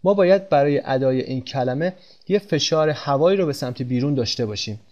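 A man teaching English pronunciation in Persian, speaking slowly and repeating example words with stress. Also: medium pitch, darkish tone, highs cut off. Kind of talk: pronunciation lesson.

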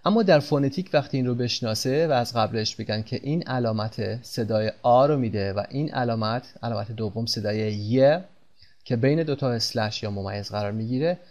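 A man teaching English pronunciation in Persian, speaking slowly and repeating example words with stress. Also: medium pitch, a little mellow. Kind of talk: pronunciation lesson.

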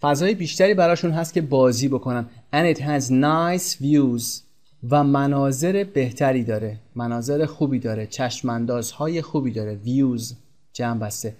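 A man teaching English vocabulary, reading example phrases slowly and explaining them quickly in Persian. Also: medium pitch, darkish tone. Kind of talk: vocabulary lesson.

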